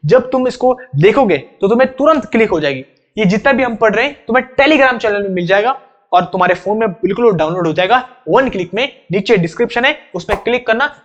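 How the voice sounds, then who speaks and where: Male tutor with a Hindi accent, high voice, drills exam rules over and over to students; slightly muffled recording. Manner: repeats rules insistently, addresses students directly. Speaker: English grammar teacher. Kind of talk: exam-prep grammar lesson. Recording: slightly dull, lo-fi sound.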